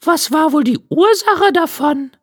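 A crafty, kindly old grandmother in a high, creaky falsetto, played by a man. She fusses in a sing-song way, and her voice swings widely up and down. It is a dry storybook reading. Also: animated, a little slow, no room sound. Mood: coaxing.

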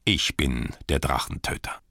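A man's voice: extremely low pitch, measured pace, vocal fry, pushed and bright, no echo, studio quality, exaggerated voice. Bard, a man voicing a grim tall archer. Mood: proud. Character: grim, tall, dripping-wet male archer. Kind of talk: audiobook reading.

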